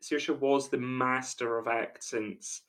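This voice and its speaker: A man co-hosts a podcast and takes a quiz in casual chat. He talks in a chatty way and often hesitates. His pitch sits in a middle range. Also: fairly even intonation, slow pace, fairly bright tone. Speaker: podcast co-host, quiz contestant.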